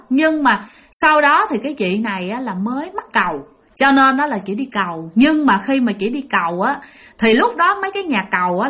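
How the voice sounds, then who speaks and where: With a fairly high, fairly bright voice and a Southern Vietnamese accent, a woman hosts a casual spooky storytelling session. She tells a ghost story chattily and often speaks directly to her listeners.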